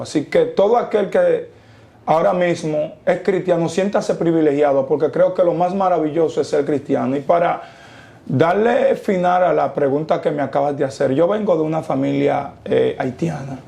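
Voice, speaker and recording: A young man from the Dominican Republic gives a testimony interview in a preacher's rhythm, slowing down to stress each idea. His voice is slightly high for a man yet dark and mellow, with gravelly fry at phrase ends. He quotes Bible verses deliberately, with slow, emphatic pauses, in a Dominican Spanish accent.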